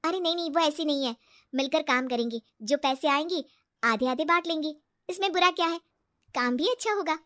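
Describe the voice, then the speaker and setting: Woman doing a bright, trusting young wife. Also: sits high, fairly quick, voice pushed up. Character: cheerful trusting young woman, office worker.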